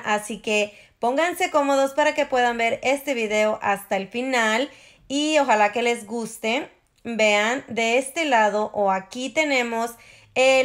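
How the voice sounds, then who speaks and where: A woman giving a casual tour of a rented vacation house, gushing and repeating her praise as she walks through it on a handheld phone. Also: fairly high pitch.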